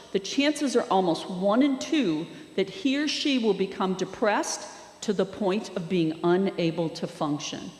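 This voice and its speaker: Slow, measured woman preaching in a hall. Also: medium pitch. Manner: slow, measured delivery with dramatic pauses. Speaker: lay preacher and youth worker. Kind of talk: sermon. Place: church sanctuary. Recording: echoey church hall.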